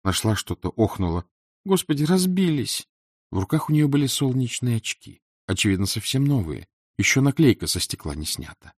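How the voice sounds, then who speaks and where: A man narrating an audiobook in an expressive, dramatic reading. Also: fairly low pitch, a little fast, hardly any pauses, slightly rough, no echo, studio quality. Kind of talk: scripted narration.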